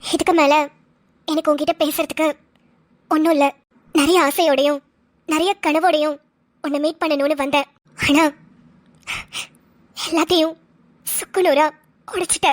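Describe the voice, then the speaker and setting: Woman doing a whiny jealous cartoon girl. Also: very high voice. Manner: whiny, pleading, self-pitying. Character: jealous young woman, the ex-girlfriend, clingy and sulking. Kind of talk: cartoon dialogue.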